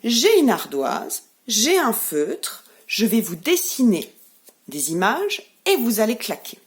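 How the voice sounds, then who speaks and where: French woman, preschool teacher, remote lesson for small kids; fairly high voice with a lively, sing-song rise and fall. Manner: slow, clearly articulated, encouraging. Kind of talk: remote lesson for young children.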